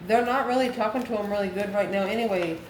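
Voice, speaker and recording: Talking fast in a medium pitch, this channel host reads tarot directly for her audience, using homey terms like honey and baby and emphatic repetition. Echo and noticeable background noise fill the recording.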